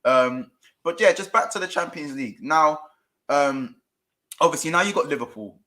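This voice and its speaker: A man's voice: medium pitch, sharp tone. A man with a London accent hosting casual football talk, slangy and speaking straight to viewers. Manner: colloquial, slangy, addresses viewers directly. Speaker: host of a football fan show. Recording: roomy, echoey sound.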